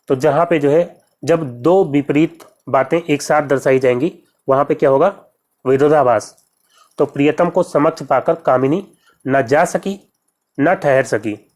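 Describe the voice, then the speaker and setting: A teacher giving an exam-prep lesson, reading each question and its options aloud, then explaining the answer step by step and repeating key terms slowly. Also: mid-range voice, a little mellow.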